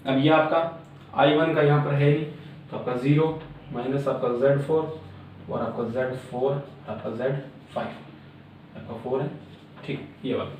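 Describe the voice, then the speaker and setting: A man's voice: medium pitch, fairly even intonation, normal speed, long pauses, a little mellow. A man teaching circuit theory at a board, explaining step by step and repeating filler words. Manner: repetitive filler-laden explaining, frequent "aapka". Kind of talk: classroom lecture at a board. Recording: very echoey room, mic far off, faint noise.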